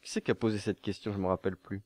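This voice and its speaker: A man's voice: fairly low pitch, level tone, racing, a little mellow, no echo, studio quality. A young man from southern France answering viewer questions to camera in a casual, jokey way, laughing at his own jokes and stumbling over fillers.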